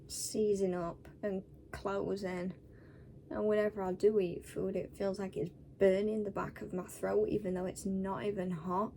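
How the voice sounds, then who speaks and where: Woman, Northern English accent, after wisdom-tooth removal, weary, sore scratchy throat, slow pace, casual storytelling, faint background noise. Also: medium pitch, mellow. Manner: sweary, blunt. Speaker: vlogger. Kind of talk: casual personal storytelling to camera.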